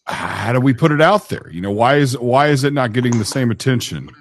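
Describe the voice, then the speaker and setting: A man's voice: medium pitch, animated, brisk. A man hosting a casual interview show, talking informally and in a folksy way to guest and viewers.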